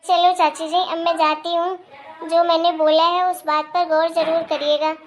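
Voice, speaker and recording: A woman's voice: very high-pitched, flat delivery, normal speed. A woman voicing a meddling young married neighbor who gossips and gives pushy advice.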